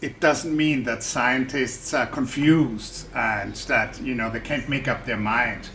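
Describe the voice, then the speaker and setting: This German-accented man talks slowly in a medium-pitched, gravelly voice that is pushed and bright, with fairly even intonation. As a science YouTuber, he walks a general audience through a scientific debate in a chatty, thinking-aloud style, frequently starting sentences over. Slight background noise is audible.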